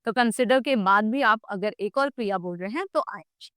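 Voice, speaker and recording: A woman teaching English grammar, explaining in Hindi and repeating English example sentences slowly and with emphasis. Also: medium pitch, a bit bright, clean tone, no echo, clean studio sound. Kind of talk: bilingual grammar lesson.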